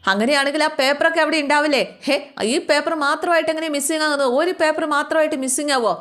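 A woman's voice: high-pitched, steady tone, fast, fairly bright tone, voice pushed up. A woman voicing an angry, domineering middle-aged bank officer who scolds and accuses her maid. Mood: angry scolding.

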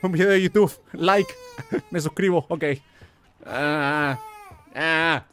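A young man hosts a gaming video, his voice a little high and slow, as he jokes and talks back to a horror game while playing. He comes across as excitable and full of jokes.

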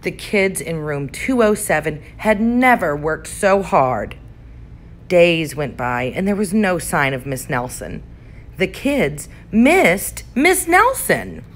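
A woman reading a children's picture book aloud in an expressive, animated storytelling manner. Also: lowish voice, slow pace, slight background noise. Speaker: storybook reader.

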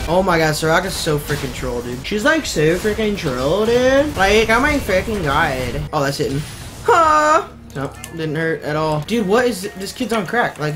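A male streamer commentates his own game live, slangy and foul-mouthed with sudden excited shouts. His pitch swings widely. Clear game music plays under his voice. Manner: excitable, slangy, swearing, frequent yelps.

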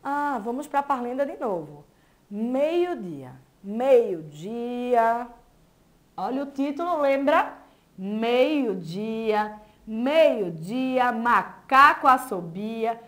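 A young adult woman with a Brazilian Portuguese accent leads a reading lesson for small children. Her voice sits a little high, and she speaks slowly, breaking words into syllables and praising the class often. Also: expressive, a bit bright. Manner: slow, syllable-by-syllable sounding out with praise. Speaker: teacher.

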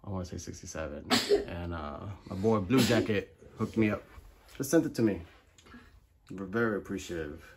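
At home in a carpeted room, a middle-aged male vlogger gives a casual, slangy room tour on video, recorded on a phone held in his hand. His low voice has lively intonation and a normal pace, and his manner is informal.

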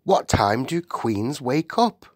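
A woman's voice: very deep voice, sing-song, takes it slowly, a little mellow, breathy edge, dry recording, studio quality, full character voice. A narrator voicing a small orphan girl, patient and anxious as she waits. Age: child.

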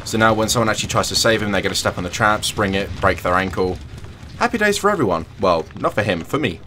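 This young gaming channel host has a fairly low, sharp-toned voice and talks fast as he casually narrates his gameplay. Jokey and chatty, he sometimes mocks opponents in a sing-song voice, and a little hiss or hum is audible.

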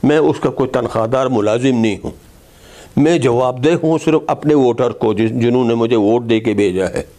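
A man voicing a proud, stubborn elected official who insistently refuses, in a slightly lowered voice. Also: a little fast, mellow, close to an everyday voice. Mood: defiant.

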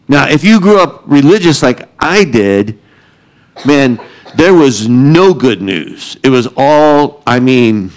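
Middle-aged pastor guy, slow easy delivery, jokes around and laughs a lot mid-sermon. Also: medium pitch, low-quality recording. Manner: joking, self-deprecating, laughs often. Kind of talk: sermon with humorous stories.

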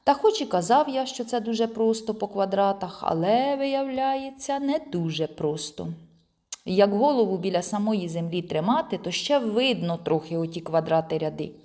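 Lively woman reading an audiobook. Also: medium pitch, moderate pace. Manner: lively, expressive first-person storytelling. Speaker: audiobook reader. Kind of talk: storytelling narration.

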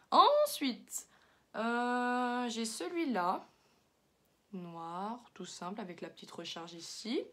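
A woman's voice: a little high, a bit bright. A young woman chatting casually through a makeup haul, with many fillers and slang words. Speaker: beauty vlogger.

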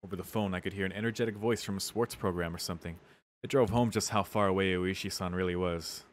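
Game music plays as a man with a low pitch rattles quickly through a visual novel for his stream. He peppers the reading with offhand, swearing comments, typical let's-play narration.

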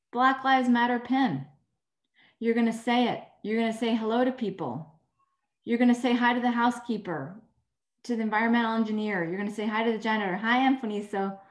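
A woman who is a clinical instructor and surgeon, talking casually and warmly to medical students on a video call, rambling and correcting herself as she goes. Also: a little high. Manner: warm, rambling, self-correcting. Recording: echoey room on a video call.

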